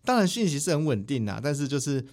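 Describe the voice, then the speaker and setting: A man, a spiritual teacher telling stories as a guest in a studio interview, animated and quick to mimic others. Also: fairly high pitch. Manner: animated, quick, mimics people mid-story. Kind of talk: casual interview storytelling. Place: podcast recording studio.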